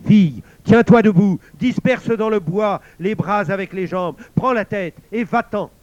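A man's voice: sits high, measured pace, a little mellow, dry recording, lo-fi sound, pitched above the performer's own voice. A man voicing a stern talking magic sword that roars commands in a fairy tale. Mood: roaring command. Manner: roaring commands.

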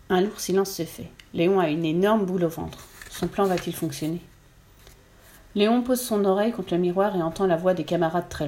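A woman reading a children's story aloud in a lively storytelling voice. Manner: lively, voices the characters' lines with raised pitch.

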